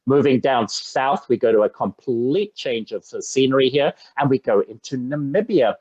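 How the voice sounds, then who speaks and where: A man presents travel slides in an excited, effusive way over a video call. The sound is dry and close, with slightly muffled, lo-fi audio. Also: mid-range voice, normal speed, breathy edge, dry recording. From Zambia. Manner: enthusiastic, effusive. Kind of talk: webinar presentation.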